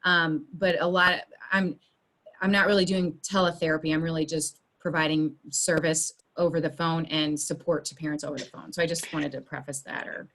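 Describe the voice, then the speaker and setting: This woman, a school social worker, has a low, slightly bright voice with a level tone and moderate pace. She rambles through a casual video meeting chat, restarting many times, heard through a video call microphone.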